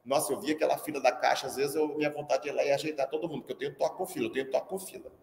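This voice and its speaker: A man with a Brazilian accent doing a comic monologue as a teacher, animated and repeating lines for effect. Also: a little high, very fast, creaky. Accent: Brazilian Portuguese. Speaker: comedian playing a teacher. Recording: echoey hall with long reverb.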